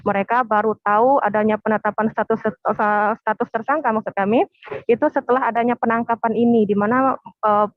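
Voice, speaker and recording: A woman's voice: fairly high pitch, no room sound. Woman reporter on a tinny phone line. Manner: hesitant, many "eh" fillers. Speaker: field reporter. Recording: tinny phone line, dry, faint music.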